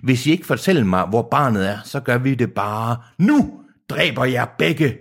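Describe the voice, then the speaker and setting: A man's voice: mid-range voice, lively intonation, pitched above the performer's own voice, close to an everyday voice. A man voicing a swaggering, gloating male pirate chief in a theatrical, mocking way. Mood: menacing.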